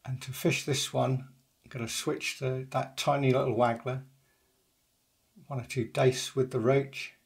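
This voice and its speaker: In a fishing vlog voice-over, an older man recounts his day on the water in a calm, unhurried, matter-of-fact way with frequent pauses. He has a gravelly, medium-pitched voice.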